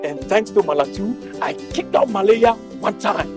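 A grateful male friend chats in a radio advert about getting well. The intonation is very varied and music runs clearly behind. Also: high-pitched, animated, normal speed. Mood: earnest, relieved. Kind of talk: acted advert dialogue.

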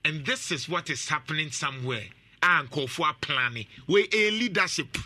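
A man hosting a talk show, giving animated, casual commentary and laughing often. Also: fairly high pitch, normal speed. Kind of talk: casual commentary mixing Twi and English.

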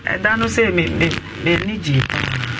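A woman's voice: lowish voice, animated, moderate pace. Ghanaian woman answering deferentially, noisy recording. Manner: brief, deferential replies. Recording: noisy background.

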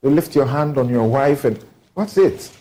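A man's voice: mid-range voice, animated, normal speed, mellow. A man hosting a radio talk show, speaking emphatically and often repeating his phrases.

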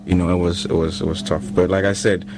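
A man with a Ghanaian accent, a musician being interviewed, telling his story in a relaxed, rambling way full of fillers. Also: sits low, fast talker, music in the background, poor audio. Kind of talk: casual radio interview.

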